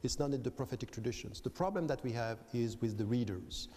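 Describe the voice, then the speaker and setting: A man from Switzerland, a professor and interview guest, explaining his views in a measured way. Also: mid-range voice, lively intonation, warm tone. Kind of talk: debate interview. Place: debating hall with an audience. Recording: long hall reverb.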